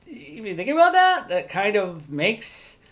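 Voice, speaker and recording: A man's voice: high-pitched, huge pitch swings, unhurried, a bit bright. A man co-hosting a podcast, talking in a rambling, thinking-aloud way and often correcting himself mid-sentence. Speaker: podcast co-host. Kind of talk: casual podcast discussion.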